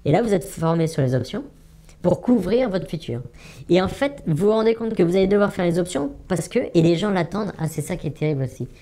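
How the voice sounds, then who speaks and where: A man's voice: sits high, expressive, brisk, dark tone. A man in his forties giving an anonymous interview testimony, hesitant with many fillers and repeating words for emphasis. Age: 40s. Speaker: anonymous former trading student giving testimony.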